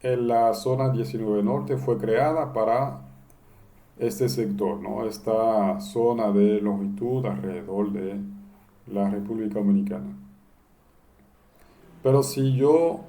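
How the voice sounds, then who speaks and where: A man giving a step-by-step software lesson, posing questions and answering them himself. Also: on the low side, slight background noise. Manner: explains step by step, asking and answering his own questions. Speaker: instructor. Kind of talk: screen-recorded software tutorial.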